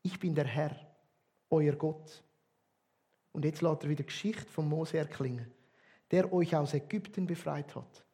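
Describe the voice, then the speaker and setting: A man with a Swiss German accent preaching a sermon as a pastor, emphatic, with loud stresses and quiet drops. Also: fairly high pitch, unhurried, long pauses, husky.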